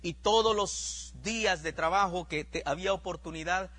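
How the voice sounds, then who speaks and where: A man's voice: high voice, moderate pace, fairly bright tone. A man preaching a sermon, telling a personal testimony in a dramatic storytelling manner.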